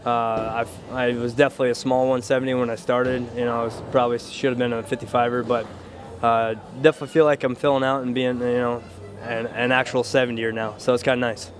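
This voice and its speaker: Fighter guy answering casually, low-key and modest, pretty monotone, medium pitch. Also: fast. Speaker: professional MMA fighter.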